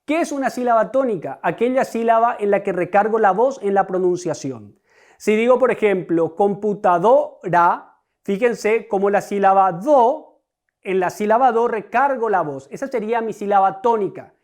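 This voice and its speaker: Una voz docente de altura media que dicta una clase de lengua grabada, pausada y explicativa. Se dirige a sus alumnos a cada rato para que se fijen en los ejemplos, y repite cada concepto importante con paciencia. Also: mid-range voice, animated, darkish tone. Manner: deliberate, explanatory, repeats key concepts; addresses students directly. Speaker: teacher. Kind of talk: recorded online grammar lesson.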